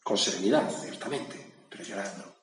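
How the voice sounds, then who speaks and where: A man's voice: on the low side, moderate pace, fairly bright tone. A man from gives a reflective gospel sermon. He talks conversationally and often checks in with his listeners. The sound is roomy, with a long hall reverb and faint background noise. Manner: conversational, with asides asking "¿no?". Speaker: preacher.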